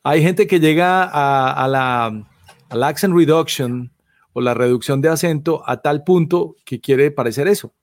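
A man's voice: on the high side, measured pace, dry recording, studio quality. A man hosting a casual chat, with a wry, chuckling manner.

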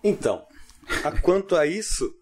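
Man, podcast host, short questions, very expressive intonation. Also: high-pitched, normal speed. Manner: brief questions and affirmations, very varied intonation. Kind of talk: interviewing, short reactions.

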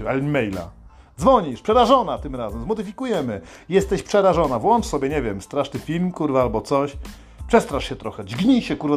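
Male comic, crude sardonic rant, higher register, light music bed. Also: darkish tone. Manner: crude, sardonic, heavy swearing. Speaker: comic monologist. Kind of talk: profane satirical monologue.

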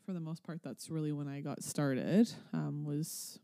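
A woman guest chatting casually and lightheartedly, short of breath, with breathy, heavy breathing between phrases. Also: low-pitched, unhurried, mellow, no room sound, studio quality. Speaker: podcast guest. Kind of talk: casual chat.

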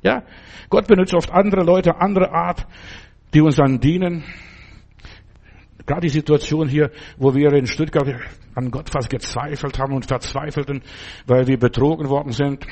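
A man's voice: on the high side, moderate pace, pauses often, a little mellow. A man giving an informal sermon full of personal stories, talking straight to the listener as a friend and often checking that they follow. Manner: conversational, keeps asking "verstehst du?"; addresses the listener directly as a friend. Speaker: preacher.

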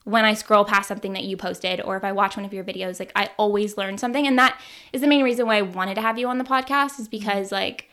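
A woman's voice: medium pitch, fast, a bit bright. A young woman hosting a podcast, chatting with a guest in a gushing, enthusiastic way. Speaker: podcast host. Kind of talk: casual podcast conversation.

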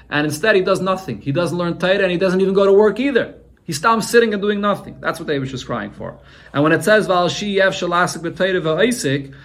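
A man's voice: fairly high pitch, a bit bright. Man teaching a Talmud lesson. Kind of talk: Talmud shiur, translating and explaining.

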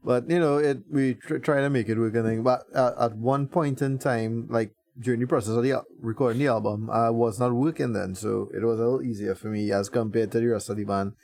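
A man in his thirties, a band member chatting as a guest in a relaxed, chuckling way. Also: medium pitch, a little fast, gravelly, few pauses. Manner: laid-back, chuckling, lots of fillers. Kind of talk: casual interview chat.

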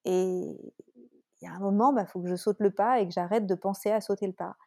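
A woman's voice: mid-range voice, steady tone, brisk, vocal fry, a little mellow, no room sound, clean studio sound. A woman with a French accent hosting her own podcast, talking casually and reflectively, with many hesitations and restarts. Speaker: podcast host and coach. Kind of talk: casual solo podcast talk.

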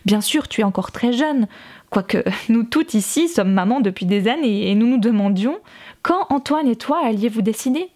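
A woman's voice: fairly high pitch, lively intonation, normal speed, darkish tone. Woman doing a spiteful honey-voiced village gossip. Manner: sugary, sneering false pity.

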